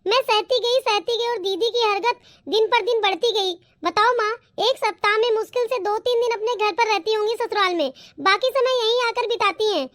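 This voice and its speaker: A woman's voice: very high-pitched, moderate pace, fairly bright tone. A woman voicing a fed-up young daughter-in-law who protests sharply in a cartoon. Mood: defiant.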